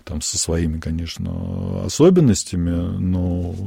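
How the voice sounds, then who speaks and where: A man talks as a priest in a radio discussion. His voice is deep, dark and gravelly, with a husky edge. His delivery is measured and reflective, and he pauses often to think. The studio sound is close and dry. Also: animated, dry recording. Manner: measured, thoughtful, many pauses and fillers. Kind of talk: radio discussion of church writings.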